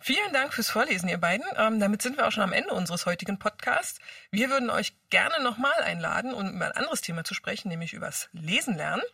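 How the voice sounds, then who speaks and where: Bright, husky woman podcast host. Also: medium pitch, animated, quick pace, few pauses, no echo, studio quality. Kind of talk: casual chat. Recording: distant mic.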